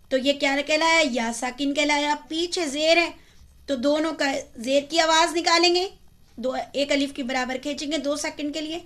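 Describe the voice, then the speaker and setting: A woman teaching Quran reading step by step, spelling out letters and vowel marks, then slowly stretching the syllables, and asking questions that she answers herself. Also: high voice, fairly bright tone. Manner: asks the listener questions and answers them herself. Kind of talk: step-by-step recitation lesson.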